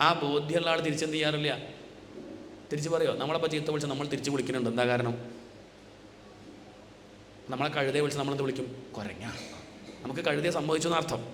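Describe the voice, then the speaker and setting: A man giving a religious discourse as a spiritual teacher, asking rhetorical questions and answering them himself, now and then chanting verses slowly. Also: a little high. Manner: chants scripture lines slowly. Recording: echoey hall with faint noise.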